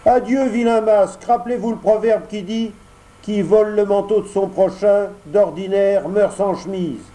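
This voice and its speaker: A man's voice: high voice, normal speed, warm tone, voice pushed up, lightly acted, low-quality recording. A man voicing an earnest, proud wooden puppet boy in a storybook reading, with emphatic delivery. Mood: scornful. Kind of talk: audiobook character voice.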